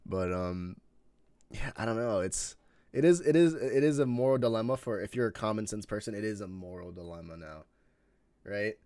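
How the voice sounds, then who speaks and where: A man's voice: lowish voice, moderate pace, dark tone, no room sound. A young man from Chicago with a Chicago accent, hosting a casual live-stream chat and rambling through questions with lots of fillers. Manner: rambling, many fillers and restarts. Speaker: streamer host.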